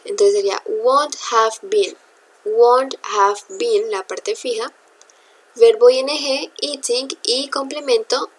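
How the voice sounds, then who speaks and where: A woman's voice: a little high, rough recording. A woman teaching English grammar in a recorded lesson, patiently spelling out letters and checking in with her students.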